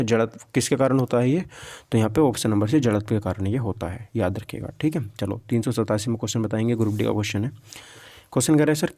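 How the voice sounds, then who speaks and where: With a warm, medium-pitched voice and no echo on the recording, a man teaches physics for an exam in an informal lecture style. He reads questions out, explains them, and frequently repeats himself while checking that listeners follow.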